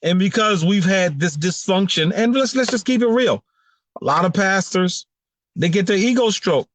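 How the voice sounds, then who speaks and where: A man hosting a casual livestream talk, lively and joking in banter. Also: high-pitched, normal speed, no echo. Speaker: host.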